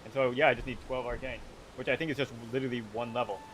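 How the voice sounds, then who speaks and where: A man's voice: mid-range voice, steady tone, rapid-fire, noisy background. Chatty man streaming a game. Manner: chatty, self-talking, joking. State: hiccuping. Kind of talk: casual game commentary.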